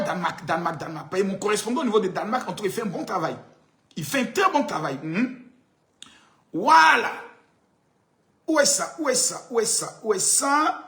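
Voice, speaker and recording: Male live-stream ranter, high and animated, mocking sing-song delivery. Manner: mocking, sing-song taunts and loud shouts. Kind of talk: taunting live-stream rant.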